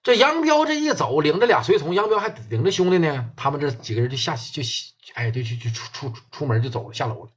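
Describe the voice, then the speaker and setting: Brief: Northeastern male storyteller, coarse colloquial narration, husky voice, very lively pitch. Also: fast, hardly any pauses. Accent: Northeastern Mandarin. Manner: colloquial, crude, vivid. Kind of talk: crime storytelling.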